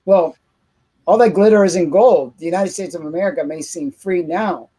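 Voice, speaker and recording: Husky high-voiced man from Cuba. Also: moderate pace, mellow. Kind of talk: casual panel discussion.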